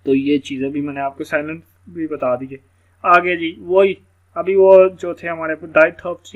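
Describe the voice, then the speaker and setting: A man giving a casual phonics lesson, explaining word sounds and slowly spelling out examples. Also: sits high. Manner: casual, explanatory, repeats words slowly letter by letter. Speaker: English teacher. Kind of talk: screen-share phonics lesson.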